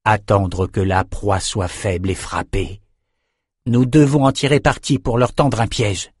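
A man voicing a grim, wounded male lord leading a battle, speaking in steady, reasoned commands in an audiobook. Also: fairly low pitch, unhurried, husky, no echo, clean studio sound. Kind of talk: audiobook character reading.

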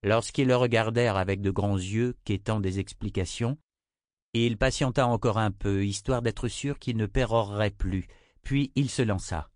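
Male narrator, low steady voice, dry close recording, fantasy audiobook. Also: moderate pace, no room sound. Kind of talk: scripted narration.

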